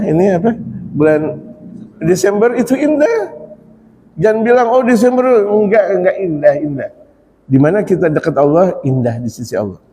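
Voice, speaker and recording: A man preaching a sermon to a congregation, animated, repeating phrases and drawing out prayers. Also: on the high side. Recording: long hall reverb.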